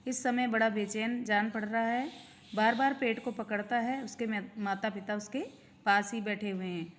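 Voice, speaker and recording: A woman's voice: fairly high pitch, fairly even intonation, normal speed, a little hiss or hum. A woman teacher reading a school play aloud and stopping to explain its words in simple terms for young students. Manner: reads each character's lines, stopping to explain words simply.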